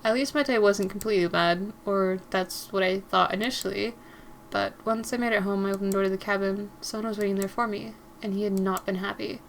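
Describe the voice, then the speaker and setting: A woman's voice: mid-range voice, steady tone, brisk, creaky. A woman streamer reading a visual novel aloud in a chatty way. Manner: chatty, laughs between lines.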